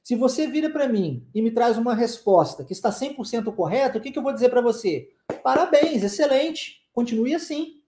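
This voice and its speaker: A man's voice: extremely high pitch, lively intonation, fast talker, few pauses, warm tone, echoey room, a little hiss or hum. A man with a Southeastern Brazilian accent teaching an online language lesson, playful and making sound effects to show pronunciation. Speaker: English teacher.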